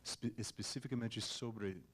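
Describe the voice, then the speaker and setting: A man's voice: lowish voice, fairly even intonation, measured pace, slightly rough. A man from the United States, a native English speaker, asking a question at a conference in American English-accented Portuguese, hesitantly searching for words. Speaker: audience member asking a question.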